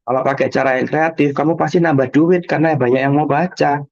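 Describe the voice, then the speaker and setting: A man from Indonesia, giving a motivational talk as an emotional coach, telling stories animatedly and acting out quoted voices. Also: brisk. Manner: animated storytelling, acting out quoted voices with sudden high jumps. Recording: slightly dull lo-fi audio.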